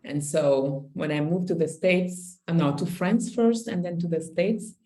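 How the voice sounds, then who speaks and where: A woman from Senegal, co-hosting a podcast, talking candidly and reflectively in relaxed conversation, often restarting her phrases. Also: fairly low pitch, measured pace, rough recording. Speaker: podcast co-host.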